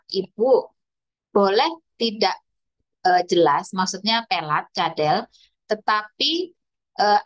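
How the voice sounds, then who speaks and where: A woman's voice: on the low side, a bit bright. Woman therapist, patient lecturing tone with baby-talk imitations. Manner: explanatory, imitates toddler speech and animal sounds. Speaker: speech therapist. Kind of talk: lecture to parents.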